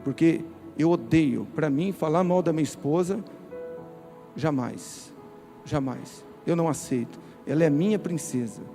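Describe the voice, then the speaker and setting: A man's voice: on the high side, a little fast, mellow, faint music behind. A man with a Brazilian Portuguese accent preaching a sermon in church, emphatic and speaking straight to his listeners. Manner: emphatic, direct, addresses listeners. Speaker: pastor.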